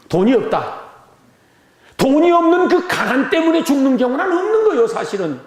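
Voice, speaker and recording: High-voiced preaching pastor in echoey church. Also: male voice. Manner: emphatic preaching with rhetorical questions; repeats phrases for emphasis. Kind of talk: Sunday sermon. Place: church sanctuary.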